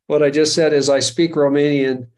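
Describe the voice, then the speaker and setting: His voice leans high yet carries a darkish tone as he hosts a live online webinar. The middle-aged American keeps things loose and conversational, cracking self-deprecating jokes and chuckling frequently.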